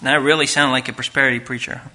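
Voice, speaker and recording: At a pulpit microphone, a man preaches a sermon to his congregation and reads scripture aloud with earnest conviction. His medium-pitched voice moves very fast and sounds flat, yet swings between loud emphasis and hushed asides.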